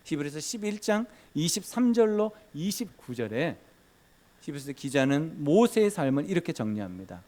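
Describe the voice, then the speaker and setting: A man's voice: big pitch swings, moderate pace, a little mellow. A man pastor giving a Sunday sermon in a church, acting out scenes dramatically. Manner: dramatic, acts out scenes with big pitch swings. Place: church sanctuary.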